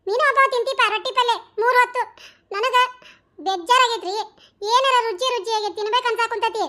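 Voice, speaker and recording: A woman's voice: very high-pitched, a little fast, bright, forceful tone. A woman voicing a young cartoon wife with a North Karnataka accent, chatty and nagging. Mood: teasing. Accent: North Karnataka Kannada.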